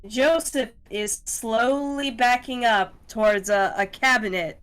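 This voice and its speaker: Lady dm narrating slowly, laughs a lot, kinda high voice. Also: a bit bright, soft background music, rough recording. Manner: laughs often while narrating, unhurried. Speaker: dungeon master. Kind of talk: narrating a tabletop game.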